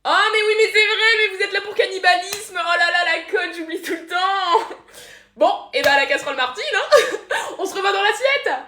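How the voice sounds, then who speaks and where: A woman voicing a flustered, scatterbrained woman who talks in a shrill way. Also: sing-song, brisk, sharp tone, heavily acted.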